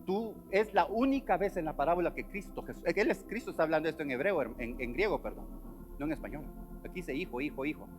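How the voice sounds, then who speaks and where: A man preaching a sermon at a church service, acting out the voices he quotes and swinging between loud and soft. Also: a little high, expressive, fast, faint music behind.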